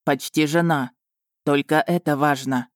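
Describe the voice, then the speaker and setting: Woman putting on a deep-ish possessive dragon guy for an audiobook, clipped and bossy, dead dry studio sound. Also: fairly even intonation, measured pace, no echo. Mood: earnest. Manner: curt, clipped, commanding. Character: brooding possessive male dragon, ancient. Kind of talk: audiobook reading.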